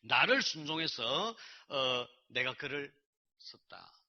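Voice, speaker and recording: A male pastor voicing God in his sermon, speaking in slow, hushed pronouncements. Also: medium pitch, sing-song, dull audio, full character voice. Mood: solemn. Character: solemn commanding voice of God.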